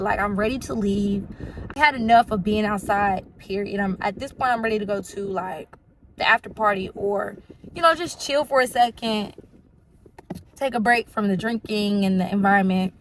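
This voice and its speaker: A young woman vlogger telling a storytime monologue in a chatty, animated way, talking straight to her viewers. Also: mid-range voice, slight background noise, poor audio.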